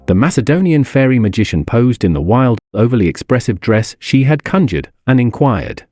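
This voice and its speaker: A man reading a story aloud as narrator, in an expressive, lively way. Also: medium pitch, moderate pace, no echo, soft background music.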